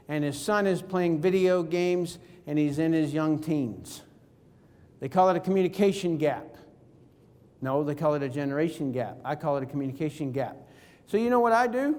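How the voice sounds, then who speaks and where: Man, high voice, lively seminar speaker acting out calls, echoing through a big hall. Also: clean tone. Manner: energetic, jokey, acts out phone calls. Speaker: network marketing speaker. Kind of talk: motivational seminar talk. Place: conference hall. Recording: reverberant hall.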